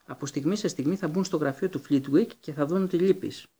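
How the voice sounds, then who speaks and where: A man's voice: fairly high pitch, mellow, breathy edge. A man reading an audiobook, voicing an urgent, breathless teenage boy wizard.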